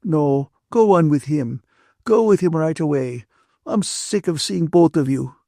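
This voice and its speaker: Here the same novel's bitter, indignant woman is voiced by a male narrator who scolds in a raised, creaky, mellow pitch. His delivery is animated yet a little slow, emphatic, aggrieved and close to tears, carrying hurt and anger. There's no echo, just a dry studio sound.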